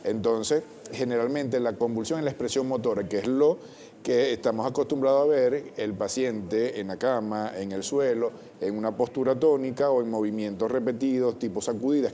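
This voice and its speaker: A man, a doctor explaining things as a guest in a television interview, measured and technical, often restarting words. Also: mid-range voice, warm tone. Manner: measured, technical, with frequent self-corrections.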